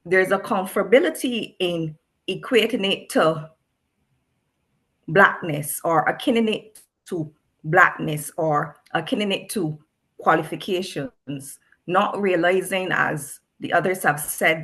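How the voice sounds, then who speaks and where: Slow-speaking woman teacher. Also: fairly low pitch, fairly bright tone. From Barbados. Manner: thoughtful, repeats words as she searches. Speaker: guest teacher. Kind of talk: reflective discussion.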